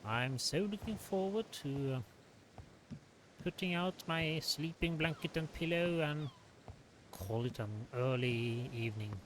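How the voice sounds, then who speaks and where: A man's voice: a little high, animated, slow, slight background noise, rough recording. A man improvising in-character game narration as a storyteller, polite and theatrical with a hesitant delivery. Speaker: storyteller and gamer playing in character.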